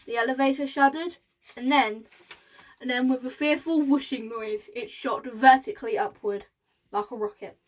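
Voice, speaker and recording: High-voiced woman reading a storybook aloud. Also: fairly even intonation, normal speed, low-quality recording. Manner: reads with restarts and slips. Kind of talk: children's book read aloud.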